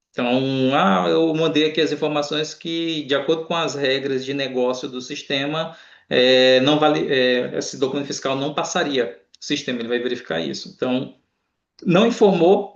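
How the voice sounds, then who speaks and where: Man, panelist, firm and emphatic, roomy muffled call audio. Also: medium pitch. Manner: assertive, emphatic. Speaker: tax panelist. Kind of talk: explanatory live-stream talk. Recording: echoey, dull lo-fi online call.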